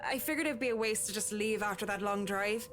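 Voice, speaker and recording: A woman's voice: medium pitch, brisk, fairly bright tone, slight background noise, lightly acted. A woman reading as a composed, professional female interior designer in a story, formal and courteous.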